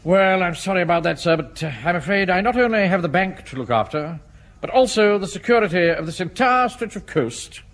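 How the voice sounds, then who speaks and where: An English actor playing a pompous, blustering middle-aged bank manager and Home Guard captain in a vintage radio comedy. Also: male voice, high-pitched, lively intonation, fairly quick, a bit bright. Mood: blustering, deferential. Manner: self-important, blustering. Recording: noisy old radio broadcast recording.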